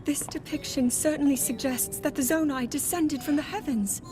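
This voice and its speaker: A woman playing a young princess scholar in a video game, gentle, earnest and curious, speaking softly and precisely. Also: high voice, normal speed, lightly acted. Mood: studious wonder. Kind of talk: video game cutscene voice acting. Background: music.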